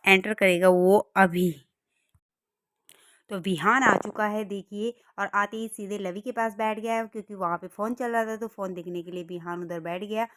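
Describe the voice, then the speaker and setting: A woman in her thirties with a mid-range voice narrates her family day for a vlog, keeping up a chatty, cheerful running commentary. The recording is dry, with clean studio sound.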